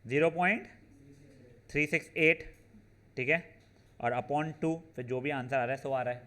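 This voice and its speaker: A man's voice: medium pitch, a bit bright. A man teaching probability to a class, working through formulas step by step and often checking in with his students. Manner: calls students "beta", checks in with "theek hai na"; works through formulas step by step, slowing on them. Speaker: math teacher. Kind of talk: classroom lecture.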